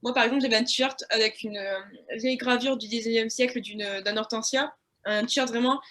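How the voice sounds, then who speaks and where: Young woman guest with a southwestern French accent. Casual, frank, quick to laugh, slightly high-pitched. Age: young adult. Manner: lively, frank, laughs often, acts out quotes. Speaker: student guest. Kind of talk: casual conversation.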